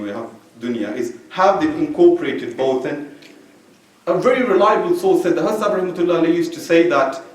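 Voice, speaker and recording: A man's voice: fairly high pitch, far from the mic. A man in his thirties from Belgium giving an informal sermon at a mosque, talking conversationally with lots of "you know" fillers. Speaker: religious speaker. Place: mosque hall, indoors. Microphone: stand mic at a distance. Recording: very echoey hall, voice from off-mic.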